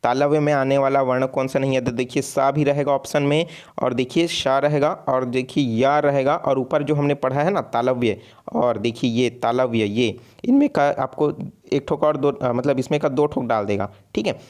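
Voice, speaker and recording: A man's voice: mid-range voice, moderate pace, hardly any pauses, darkish tone. Man teaching an exam-prep lesson. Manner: repetitive, explains step by step with frequent fillers.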